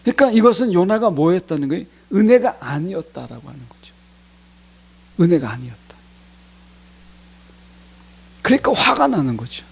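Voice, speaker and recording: Middle-aged man, pastor, sermon delivery; breathy voice that swoops all over the place. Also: high-pitched, sing-song, normal speed, pauses often. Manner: addresses the congregation directly, acting out complaints to God in quotes.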